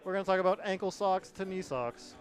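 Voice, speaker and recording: A man's voice: high-pitched, fairly quick, faint music behind. Giggly young man co-hosting radio. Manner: giggly, playful, easily flustered. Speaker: radio show co-host. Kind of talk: casual banter on a radio show.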